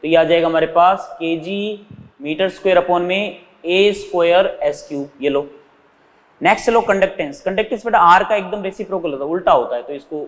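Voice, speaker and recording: A man's voice: sits high, moderate pace, in a large hall. A male physics teacher explains units step by step, asking his students questions and answering them himself. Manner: calls his students "beta". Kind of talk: whiteboard physics lesson.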